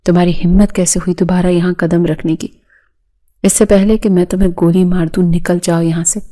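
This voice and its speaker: A woman's voice: fairly low pitch, flat delivery, mellow, natural voice. A woman reading the lines of a furious older father who roars in anger. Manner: angry, roaring.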